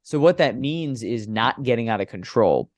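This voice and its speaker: A young man in his twenties, a baseball broadcaster chatting as a podcast guest in an animated, storytelling way. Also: mid-range voice, normal speed, no room sound. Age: 20s. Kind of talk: conversational interview.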